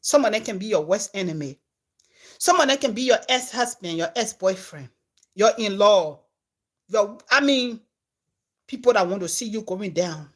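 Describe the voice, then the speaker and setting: Speaking at a normal speed with long pauses, this Liberian woman, a comedian and content creator, recounts a story for her followers. Her mid-range delivery is relaxed and lively, shifting from loud to quiet.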